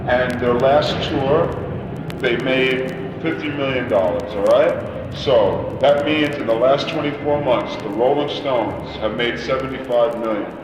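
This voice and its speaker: A man's voice: medium pitch, measured pace, muffled recording. A man in a band, ranting emphatically in an interview. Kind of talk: animated interview talk. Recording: echoey room from far off with noise.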